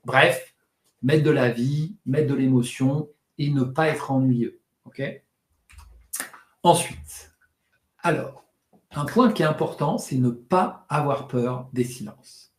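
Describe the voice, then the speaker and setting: A man teaching public speaking in a live online session, full of demonstrations where he exaggerates loud, rushed or flat delivery, and who tends to talk fast and swallow his words. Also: medium pitch, reverberant, a little hiss or hum.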